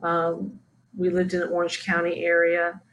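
A woman's voice: lowish voice, monotone, fairly bright tone, low-quality recording. A woman in her late forties, an activist and writer, speaking thoughtfully as an interview guest. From United States. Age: 40s. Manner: thoughtful, measured, with fillers. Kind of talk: interview conversation.

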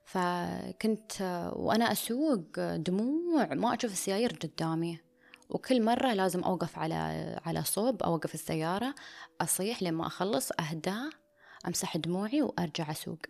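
A woman's voice: lowish voice, lively intonation, a little fast, creaky, a little mellow. A woman speaking in an intimate, confessional way, often dropping to a near whisper and slipping into English phrases. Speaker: vlogger. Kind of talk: personal confessional monologue.

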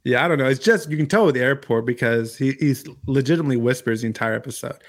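A man co-hosting a casual sports podcast, talking in a halting way and repeating words as he thinks. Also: mid-range voice. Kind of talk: casual baseball chat.

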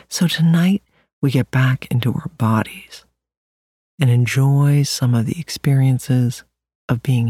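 A meditation host guiding a relaxation hypnosis in a soothing, deliberate way with long pauses. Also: mid-range voice, dark tone, slightly rough, no room sound, studio quality. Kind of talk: slow guided relaxation hypnosis narration. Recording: music playing behind the voice. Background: music.

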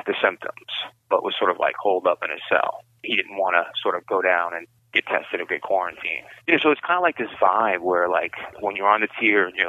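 A man's voice: sits low, no room sound. A man calling in on a prison payphone, giving a casual spoken update in a rambling way, full of "you know" and "like". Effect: payphone call from prison. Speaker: incarcerated writer calling in. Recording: tinny dry phone line.

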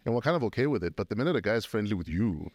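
A man's voice: lowish voice, big pitch swings, racing, dry recording. A middle-aged man hosting a podcast, asking questions with a joking, probing manner. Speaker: podcast host. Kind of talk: casual chat.

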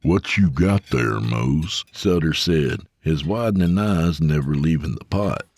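A blunt, hearty young man in an audiobook, played by a male narrator. His voice sits a little lower, and he talks plainly. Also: animated, a little slow, a little mellow, heavily acted.

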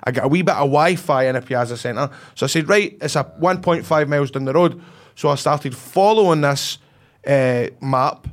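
Broad Scottish man, higher-pitched voice. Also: moderate pace. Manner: colloquial, sweary storytelling with acted-out dialogue. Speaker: podcast host. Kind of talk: ranting comic anecdote, casual chat.

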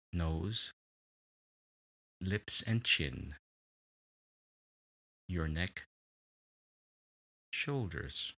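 A man leading a guided relaxation meditation in a slow, soothing way, with long pauses between words. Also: sits low, creaky, bright, forceful tone.

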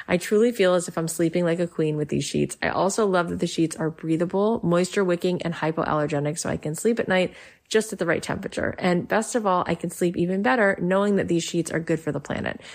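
A woman reading scripted sponsor ads as a podcast host, in a promotional manner. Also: fairly low pitch. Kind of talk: scripted ad read.

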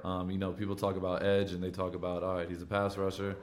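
A man's voice: low voice, completely flat delivery, fast, a little hiss or hum. A man from Michigan with an American accent, chatting casually on a podcast in slangy, profane frat-bro talk. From Michigan, USA. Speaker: pro football player on his own podcast.

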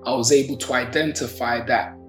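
Casting: male storyteller, South London accent, mid-pitched and articulate, reflective delivery, music underneath. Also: fairly even intonation, fairly quick, fairly bright tone. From Brixton, South London. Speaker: social entrepreneur, activist and poet telling their story. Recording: roomy echo, music underneath.

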